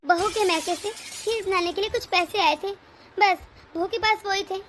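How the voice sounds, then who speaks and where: A woman's voice: very high voice, moderate pace, fairly bright tone, slight background noise. A woman voicing a browbeaten middle-aged wife in a cartoon story, complaining and pleading. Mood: defensive. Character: browbeaten middle-aged wife, long-suffering daughter-in-law. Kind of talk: cartoon voice acting.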